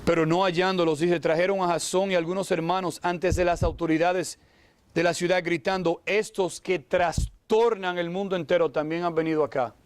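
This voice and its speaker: A high-pitched man delivering a lively sermon. He stops to put questions straight to his listeners and breaks into short acted-out voices of the people in the story. His delivery is animated and full of exclamations. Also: normal speed, clear, resonant tone, no echo. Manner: animated, acts out voices of Bible figures; exclaims "wow" often, asks listeners direct questions. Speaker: pastor.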